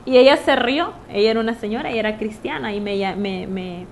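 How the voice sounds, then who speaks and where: A fairly high-voiced woman shares her own testimony as a sermon. She talks straight to the listener, earnest and insistent, and circles back to repeat her key lines. A faint hiss sits under her voice. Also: brisk. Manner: earnest, repetitive, direct address to listener. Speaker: preacher giving testimony.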